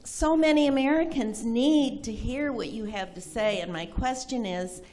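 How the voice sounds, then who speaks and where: A woman's voice: fairly high pitch, normal speed, a little mellow, slight background noise. A woman in the audience of a lecture hall, asking a question from the floor in an earnest, admiring way.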